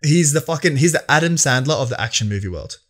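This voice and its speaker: A man in relaxed podcast chat who mostly agrees with his friend and often restarts his sentences. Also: on the high side, fast talker. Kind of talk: casual chat.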